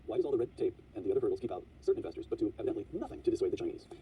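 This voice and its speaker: Male interview host, quick probing questions, reads quotes aloud, dark lowish voice, distant mic with faint hiss. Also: big pitch swings.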